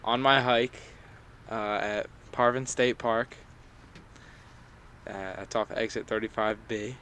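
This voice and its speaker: A man's voice: fairly low pitch, steady tone, slow pace, fairly bright tone, a little hiss or hum. A young man co-hosting a casual podcast, rambling through a hiking story and acting out quoted voices. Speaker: podcast co-host. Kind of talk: casual chat.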